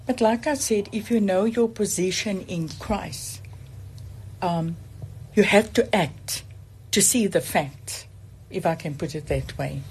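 A middle-aged woman giving casual testimony in measured, hesitant phrases. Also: medium pitch, darkish tone, rough recording. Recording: clear background noise.

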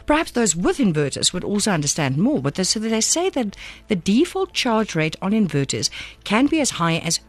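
A woman's voice: medium pitch, very animated, normal speed, no echo. A South African woman presenting on radio, explaining casually and slipping between two languages. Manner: switches between English and Afrikaans.

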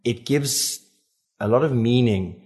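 A man's voice: medium pitch, slow pace, darkish tone. A man with a South African accent, chatting expressively and casually as an author guest on a radio show. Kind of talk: casual interview chat.

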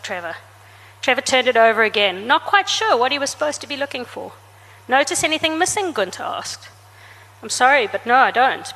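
A woman author reading from her comic novel to an audience, changing her voice for each character's lines. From South Africa. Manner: reads dialogue with shifts in pitch and loudness for each character. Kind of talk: book talk with a reading. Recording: reverberant hall.

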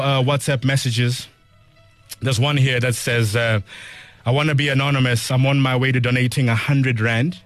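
A South African man presenting a morning radio show like a DJ, speaking earnestly and emphatically, repeating phrases as he appeals to listeners. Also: medium pitch. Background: music under the voice.

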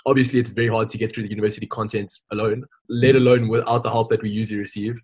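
Twenties guy, student guest, earnest, a touch raspy. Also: on the low side, level tone, very fast, a little mellow. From South Africa. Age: 20s. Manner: earnest, explanatory. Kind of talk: podcast interview.

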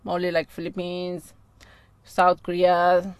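Giggly Iranian woman speaking halting English. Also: lowish voice, completely flat delivery, smooth, dry recording. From Iran. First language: Persian. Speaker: guest. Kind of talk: casual chat.

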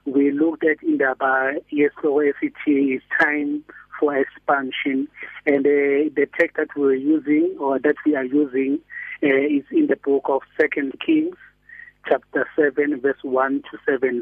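A man's voice: a little high, gravelly, breathy edge, no echo. A man with a South African Zulu accent giving a motivational radio sermon as a pastor, teaching point by point over a narrow phone line. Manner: didactic, enumerating points.

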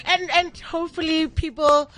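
High-voiced playful woman. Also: fairly even intonation, a little slow, a bit bright. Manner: playful, laughs often, drops local slang. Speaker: musician guest. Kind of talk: casual interview chat.

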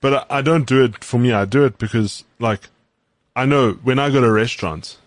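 A man's voice: medium pitch, a little fast, dry recording. A man in a casual chat, earnest, explaining his views with everyday examples and a few stumbling starts.

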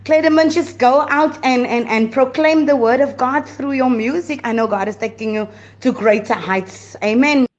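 A woman pastor with a South African accent, sending an excited recorded voice note to a radio show, often saying "you know". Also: high voice, moderate pace, lo-fi sound. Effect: recorded voice note played on air.

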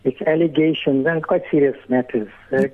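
Brief: male caller heard over the phone, husky, halting phrasing. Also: mid-range voice, fairly even intonation. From South Africa. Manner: hesitant, searching for words. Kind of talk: radio call-in question. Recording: narrow phone-line sound.

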